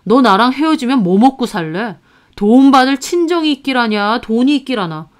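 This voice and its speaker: A woman's voice: on the high side, lively intonation, normal speed, natural voice. A woman voicing a cold, dismissive husband who belittles his wife. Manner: curt and dismissive. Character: cold, belittling husband, young adult man.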